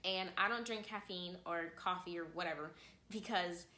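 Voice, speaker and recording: Young female vlogger with a bright, chatty delivery, recorded in an echoey room. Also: lowish voice, moderate pace. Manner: chatty, frequent "like" and "literally". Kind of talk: casual personal story to camera.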